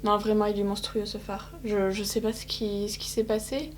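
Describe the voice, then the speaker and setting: Here the young beauty vlogger's voice sits in the mid range, level in tone and moderately paced, with slight background noise. She chats casually to viewers about her eye makeup, mocking herself as she goes.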